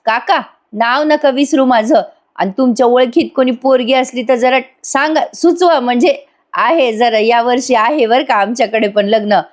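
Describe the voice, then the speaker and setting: A woman's voice: on the high side, moderate pace, natural voice. A woman reading out the lines of a cheeky young village man who is looking for a bride, in a joking, boastful way.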